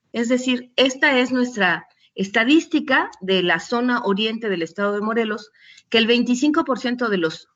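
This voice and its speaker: A woman's voice: a little high, fairly bright tone, lo-fi sound. A middle-aged Mexican woman, a doctor, giving a conversational recorded lecture with frequent restarts and fillers. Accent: Mexican Spanish. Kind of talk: recorded lecture with patient anecdotes.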